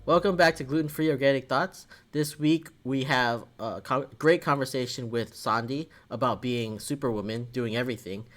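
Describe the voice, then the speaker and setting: A man's voice: medium pitch, moderate pace, few pauses, fairly bright tone, faint music behind. A man from Florida co-hosting a casual podcast, upbeat and easygoing. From Florida, USA. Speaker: podcast co-host. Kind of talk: casual chat.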